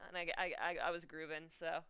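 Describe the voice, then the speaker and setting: A woman co-host with a bright, crisp voice chats loosely and asks her guest questions. The audio is dry and close, coming through a somewhat muffled video call. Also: low-pitched, flat delivery, brisk, dry recording. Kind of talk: casual chat on a video stream.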